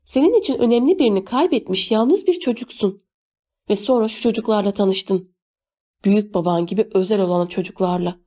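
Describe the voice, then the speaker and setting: A woman's voice: mid-range voice, a little fast, warm tone, close to an everyday voice. A woman voicing a worried mother who confronts her teenage son with firm, insistent words in an audiobook reading. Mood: firm, anxious.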